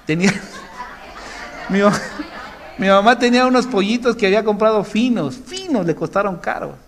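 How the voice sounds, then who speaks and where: A man giving an informal sermon to a congregation, telling personal stories with halting restarts. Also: sits high, lively intonation, some chatter behind. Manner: conversational, halting restarts, laughs at his own story. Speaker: preacher.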